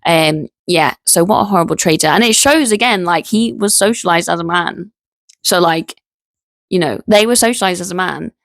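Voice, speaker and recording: Indignant woman with a gravelly voice. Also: on the low side, normal speed, dry recording, clean studio sound. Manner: spells out sensitive words letter by letter; animated, indignant, laughs in disbelief. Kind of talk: casual spoken vlog monologue.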